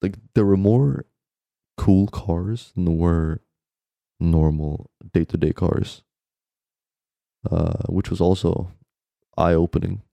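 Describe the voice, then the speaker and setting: A young man speaks in a very low, relaxed voice, dryly recorded. He co-hosts a podcast like a frat bro, telling stories casually with slang and constant swearing. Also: takes it slowly, gravelly, long pauses, no echo. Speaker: podcast co-host. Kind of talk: casual chat, storytelling.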